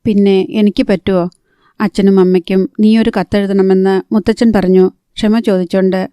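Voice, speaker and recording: A woman's voice: mid-range voice, flat delivery, moderate pace, warm tone, smooth, dry recording, studio quality, lightly acted. A woman reading the part of an irritable, sarcastic young man who craves a smoke, in a blunt, grumbling way.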